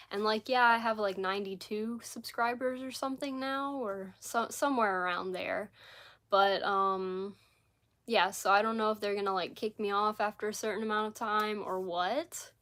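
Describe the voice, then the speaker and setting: A woman's voice: medium pitch, fairly bright tone. Woman livestreaming from her living room, scratchy voice, rambly and chatty, lots of likes and ums. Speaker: crochet livestreamer. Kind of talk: casual live chat.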